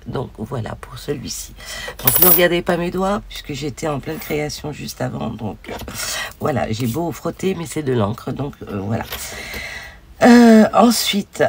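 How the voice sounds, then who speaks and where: A hoarse woman hosting a casual crafting video, chatting along with many fillers as she shows her pieces. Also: sits low, very animated, measured pace, darkish tone, a little hiss or hum.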